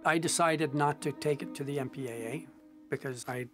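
A man in an interview, telling lively anecdotes and laughing now and then. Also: a little high, moderate pace, soft background music. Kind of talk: retrospective interview.

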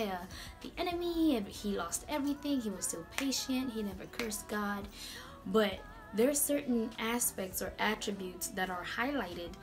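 A woman hosting a casual Bible talk vlog in a chatty, slangy, animated way. Her voice is going hoarse. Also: a little high. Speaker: video host.

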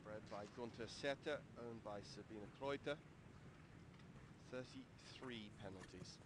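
A man commentating on a horse event with a steady, informative delivery. His voice sits in a middle register. Steady outdoor noise runs behind him. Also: medium pitch, measured pace. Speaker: lead commentator. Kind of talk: sports commentary. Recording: outdoor broadcast with crowd noise.

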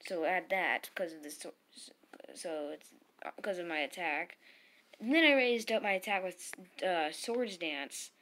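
A woman giving live commentary while playing a battle game, excitable and yelling at the screen. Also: lowish voice, a little slow. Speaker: gamer playing online battles.

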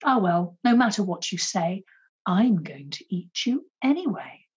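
A woman voicing a greedy, sly male wolf in a comic storybook poem, with a husky voice. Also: medium pitch, lively intonation, unhurried, muffled recording. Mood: gloating.

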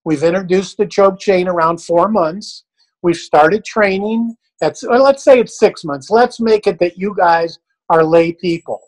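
A man's voice: sits high, unhurried, darkish tone, low-quality recording. An older man, a dog trainer, answering questions in a blunt, folksy, plain-spoken way.

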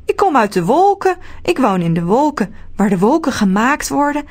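A woman's voice: sits high, very animated, moderate pace, voice pushed up. A woman voicing a small, cheerful man who lives in the clouds and calls out a sing-song greeting.

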